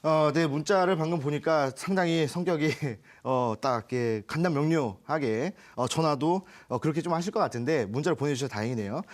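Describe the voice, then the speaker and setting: A man's voice: a little high, a little fast, few pauses. A man from Chungcheong, Korea, giving stock advice on a TV show, chatty, with homely analogies and frequent self-corrections. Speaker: stock market expert. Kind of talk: stock consultation on TV.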